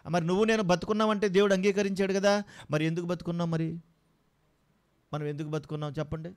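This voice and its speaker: Impassioned male preacher, slightly high voice. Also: flat delivery, fast, smooth. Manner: impassioned, full of rhetorical questions to the congregation. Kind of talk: sermon.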